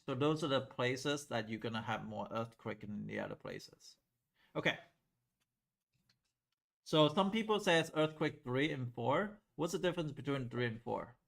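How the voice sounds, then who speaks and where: A middle-aged man from Taiwan teaching a math class in a classroom, lively and asking the class questions. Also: medium pitch, moderate pace, creaky. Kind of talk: classroom lecture at a whiteboard.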